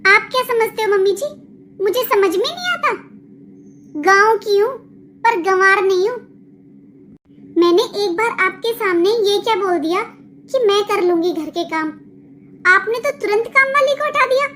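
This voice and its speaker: A young village daughter-in-law from a cartoon, proud and aggrieved, voiced by a voice actor. She talks back to her in-laws in a very high voice, with light noise underneath. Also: expressive, normal speed, long pauses, bright, forceful tone, full character voice. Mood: defiant. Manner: complaining, defiant. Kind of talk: cartoon dubbing.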